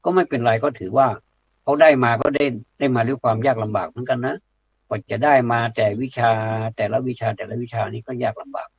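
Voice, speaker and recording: A man's voice: medium pitch, a little fast, vocal fry, breathy edge, no echo. A man giving a plain-spoken, blunt public talk to an audience, hesitating often with fillers. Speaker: speaker addressing a community audience. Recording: dull lo-fi dry recording.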